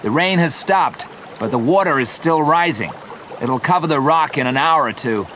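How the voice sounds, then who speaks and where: A man reading a storybook, voicing a brave, determined young swimmer who calls out in a high, shouted voice. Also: very animated, moderate pace, slight background noise. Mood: firm.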